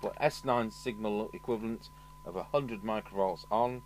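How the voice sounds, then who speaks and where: At an indoor electronics workbench, a British radio repair technician hosts a hands-on repair, giving dry, understated step-by-step commentary. His voice sits on the low side at a normal pace, though the audio is poor, with a steady electrical hum and noise clearly audible behind him.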